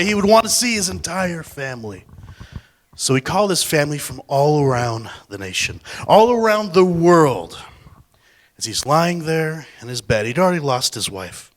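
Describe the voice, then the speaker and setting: A man giving a storytelling speech at a competition, dramatic and swinging between loud declarations and hushed asides. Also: on the high side, no echo. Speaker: public speaker.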